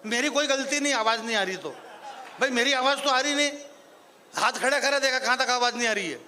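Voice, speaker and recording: A man's voice: very high voice, fairly quick, bright, forceful tone, slight background noise. A man from the Marwari region performing as a comic poet on a live stage, joking with the audience and rising into declaimed verse. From Marwari region of Rajasthan. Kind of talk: stage comedy poetry recitation.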